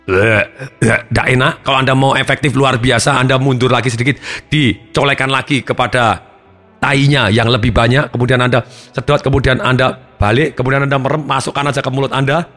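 A man teaching a seminar audience as a habit-change therapist, lively and acting out little scenes and sounds as he explains. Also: medium pitch, brisk, faint music behind.

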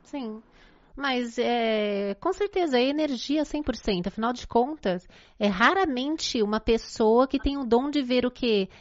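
A woman's voice: on the high side, expressive, measured pace, no room sound. A woman hosting a live stream, chatty and speaking straight to her viewers. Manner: chatty, addresses the audience directly. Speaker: host. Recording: dry, dull lo-fi sound.

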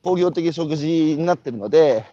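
A man with a Tohoku accent hosts a conversation while walking outdoors, his pitch sitting somewhat high and swinging widely as he builds his points. His tone is mellow and dark, and the sound is dry and a little dull. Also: normal speed, no echo. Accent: Tohoku Japanese. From Iwate, Japan. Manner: animated, storytelling with rhetorical questions. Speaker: host.

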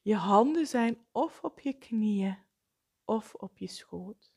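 A woman leading a guided meditation, speaking softly with frequent breathy, half-whispered phrases. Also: medium pitch, animated. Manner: slow, soft-spoken, often breathy and whispered.

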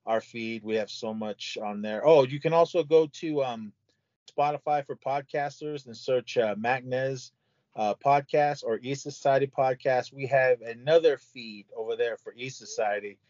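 A man's voice: mid-range voice, a little mellow, dry recording. An older man, a podcast guest, rambling casually with lots of fillers. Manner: rambling, filler-heavy plugs. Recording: dry, dull lo-fi audio.

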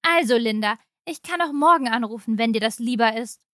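A woman's voice: high voice, expressive, measured pace, a bit bright, no room sound, clean studio sound. A woman reading as a pushy, irritable mother-in-law. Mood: irritated, pushy. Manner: pushy, indignant. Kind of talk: audiobook reading of a short story.

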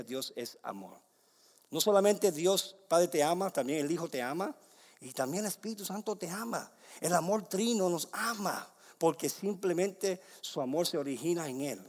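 A young adult man preaching a sermon, moving between loud emphatic declarations and soft hushed passages. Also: on the high side. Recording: long hall reverb.

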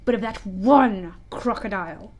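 A woman voicing a vain, brooding, menacing pirate captain from a storybook, with dark, theatrical, emphatic delivery. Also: mid-range voice, a little slow, lightly acted. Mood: haunted dread.

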